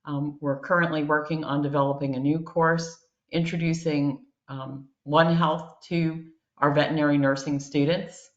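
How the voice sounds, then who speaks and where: A woman's voice: low voice, little pitch movement, normal speed, hardly any pauses. A woman professor introducing herself in an online meeting, friendly and upbeat. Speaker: professor, co-chair. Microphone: video call. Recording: echoey, dull video call audio.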